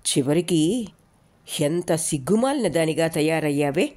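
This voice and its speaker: A woman's voice: deep voice, lively intonation, a little slow, warm tone. A woman narrator voicing an angry, jealous husband who speaks harshly and scolds his wife. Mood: scornful.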